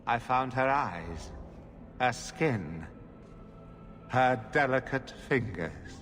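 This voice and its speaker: A man's voice: mid-range voice, animated, drawn-out words, fairly bright tone, slight background noise. A man voicing a grandiose, deranged necromancer in a fantasy video game, speaking in a reverent, theatrical manner. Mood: tender obsession. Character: obsessed, deranged male necromancer villain, grandiose and lovelorn. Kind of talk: dramatic video game voice acting. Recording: long echoing hall, faint music.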